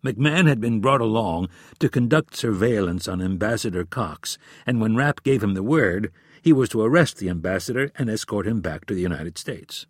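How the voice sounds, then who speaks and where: Husky-voiced male thriller narrator. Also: fairly low pitch, lively intonation, normal speed, dry recording, studio quality. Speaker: audiobook narrator.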